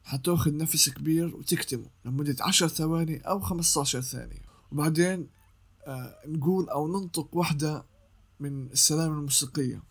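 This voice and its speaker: Husky young man teaching voice-over. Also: a little high, a little fast. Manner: explanatory, repeats himself, sings scale notes. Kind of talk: casual tutorial.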